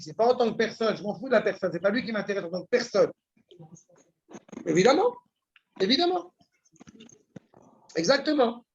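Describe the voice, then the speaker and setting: Man, Torah lecture, impassioned, blunt, high voice, muffled lo-fi sound. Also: slight background noise. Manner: impassioned, blunt, mixes Hebrew terms. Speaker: Torah teacher.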